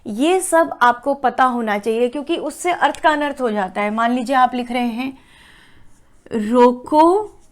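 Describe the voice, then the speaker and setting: A woman teacher explaining writing rules to students step by step, often checking that they follow, and slowing down to read example sentences aloud. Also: on the high side. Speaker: Hindi teacher. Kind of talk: classroom explanation.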